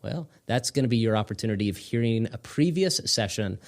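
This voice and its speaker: A middle-aged man with a fairly low voice, co-hosting a podcast in relaxed banter. He teases his partner and throws in playful jokey asides. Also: brisk. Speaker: podcast co-host.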